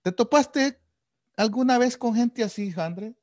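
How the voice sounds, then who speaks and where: A man hosting a casual panel chat over a video call, animated and acting out the dialogue he quotes. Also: very high voice, measured pace, no echo, clean studio sound. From El Salvador. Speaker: host.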